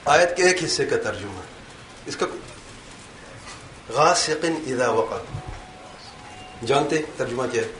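Lively man quizzing an audience, echoey hall. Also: mid-range voice. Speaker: Islamic lecturer. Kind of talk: interactive religious talk. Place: lecture hall with a live audience. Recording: echoey hall with faint room noise.

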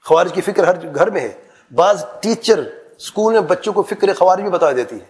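A middle-aged Islamic preacher delivers a sermon in a high, animated, slightly mellow voice. He offers earnest advice, posing rhetorical questions and repeating lists.

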